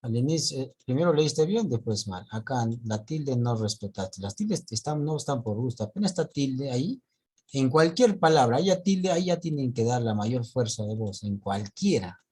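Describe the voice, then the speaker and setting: A man teaching an online class, correcting reading errors one by one with a husky voice. His pitch sits in a middle range. The sound comes over a video call. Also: expressive, normal speed, a little mellow. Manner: corrects students' reading point by point.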